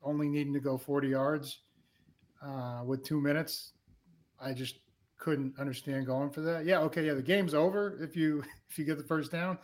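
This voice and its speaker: A man co-hosting a casual sports podcast, laid-back and measured, with many ums. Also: a little high, steady tone. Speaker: podcast co-host.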